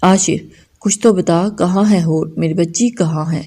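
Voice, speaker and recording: A trembling, frantic mother in a storybook, firing question after question, voiced by a woman reader. Her tone is low and soft-edged. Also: steady tone, husky.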